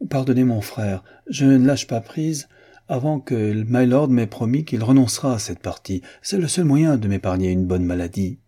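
A man's voice: mid-range voice, expressive, moderate pace, warm tone, slightly rough, voice pushed up. A man voicing a nervous, fretful young noble lady in an audiobook reading, anxious and plaintive.

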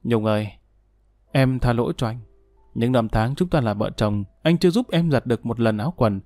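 A man's voice: mid-range voice, moderate pace, a little mellow, no room sound, soft background music, close to an everyday voice. A man reading a bitter jailed husband. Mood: remorseful. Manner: weary, self-pitying. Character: bitter remorseful male prisoner.

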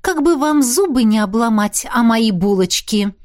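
A woman reading the part of a bold, sharp-tongued young female magic student in a fantasy audiobook. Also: high voice, lively intonation, pitched above the performer's own voice. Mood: teasing, eager. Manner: cheeky, quick, teasing.

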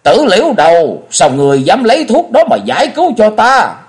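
A man's voice: mid-range voice, big pitch swings, a little slow, a little mellow. A man voicing a stern, commanding old matriarch of the martial world in a storybook reading. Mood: furious shouting. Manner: commanding, wrathful.

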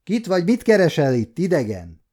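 A man voicing a gruff castle gate guard who shouts threats at a stranger, in an audiobook. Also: mid-range voice, very animated, close to an everyday voice. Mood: hostile.

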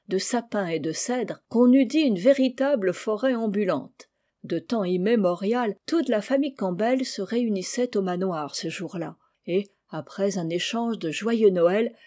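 A woman reading a children's novel aloud in a gentle, even storybook style, lightly voicing the characters' lines. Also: medium pitch. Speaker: audiobook reader. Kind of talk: storybook narration.

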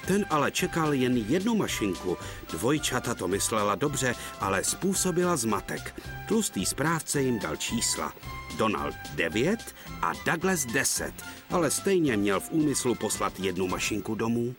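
A man narrating a cartoon story in a scripted storybook style. His pitch rises and falls in a lively way, over clear background music. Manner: lively, expressive.

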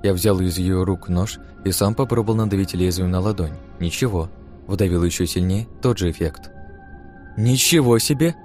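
A man narrating a first-person audiobook in a calm, even storytelling manner. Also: low-pitched, normal speed, soft background music.

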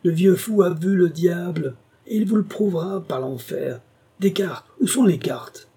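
A man's voice: medium pitch, normal speed, husky, natural voice. A man voicing a tormented old gambler who believes he sold his soul, speaking with impassioned, feverish intensity in an audiobook reading. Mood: raging. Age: older. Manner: impassioned, swings from grave confession to raging shouts.

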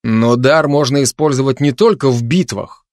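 A man's voice: mid-range voice, normal speed, darkish tone, dry recording, lightly acted. A man doing a sardonic grumbling constable. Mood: wry, grumbling. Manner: dry, sardonic, chatty banter with a cat.

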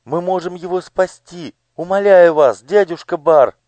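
A man's voice: high-pitched, measured pace, a little mellow, no room sound, dull audio, pitched above the performer's own voice. A man voicing an eager young girl in an audiobook, pleading urgently.

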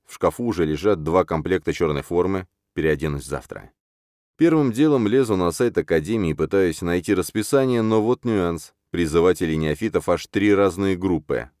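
A man's voice: low voice, a little mellow, no echo, clean studio sound. A man narrating a first-person audiobook in a sardonic, crude and brash manner.

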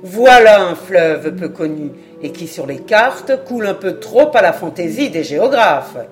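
A woman voicing a composed male Scottish lord with a dry sense of humor, speaking calmly and deliberately. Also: lowish voice, soft background music. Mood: teasing. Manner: calm, deliberate, teasingly serious.

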